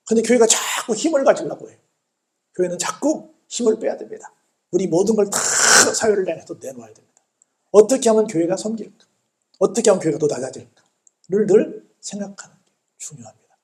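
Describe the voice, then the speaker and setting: A male pastor preaching a Sunday sermon in a church, asking the congregation rhetorical questions, calling out hallelujah, and retelling a story with loudness that swells and drops. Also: high-pitched. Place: church sanctuary.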